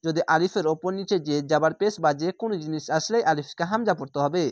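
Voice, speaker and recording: A woman with a somewhat low voice teaches recitation, breaking every word into letters and vowel marks before joining them back up at a slow, patient pace. The recording is close and dry, with no room sound. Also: no echo. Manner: spells each letter and vowel, then blends the word slowly. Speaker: Quran reading teacher. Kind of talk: slow spelled-out recitation lesson.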